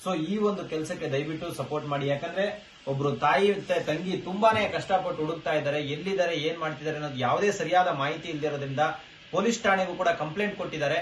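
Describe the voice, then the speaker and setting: A man's voice: fairly high pitch, very fast, a bit bright, a little hiss or hum. A man from Karnataka hosting a social-work video, making an urgent, emotional appeal to viewers. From Karnataka, India. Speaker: social worker and video host. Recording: roomy, distant mic with faint ambience.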